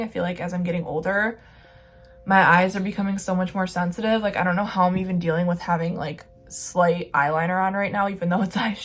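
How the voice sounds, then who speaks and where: A young woman vlogger chatting casually about beauty products, rambling with lots of filler words. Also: on the low side.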